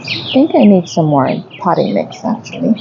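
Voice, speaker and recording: A woman's voice: lowish voice, sing-song, moderate pace, creaky, muffled recording, noisy background. A woman gardening vlogger chatting casually as she walks a garden center and reads out plant prices. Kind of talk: casual shopping vlog commentary. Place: garden center of a home improvement store.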